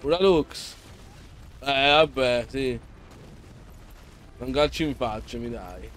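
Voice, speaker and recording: A man hosting a let's play, commenting excitably and yelling and pleading at the boss. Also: mid-range voice, slow pace, soft background music. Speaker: gameplay channel host.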